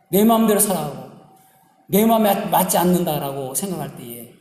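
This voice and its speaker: A man preaching a Sunday sermon as pastor, mixing stories and scripture in an animated style, in an echoey church hall. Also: on the high side.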